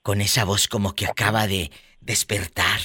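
A man's voice: lowish voice, fairly even intonation, normal speed, bright, forceful tone. A man with a Mexican accent hosting a comedic live call-in show in a flamboyant, teasing diva persona. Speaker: radio host.

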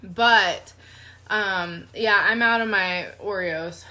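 A woman's voice: medium pitch, takes it slowly, pushed and bright. A woman co-hosting a casual chat over a meal, self-deprecating and prone to giggles. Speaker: co-host. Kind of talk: casual chat while eating.

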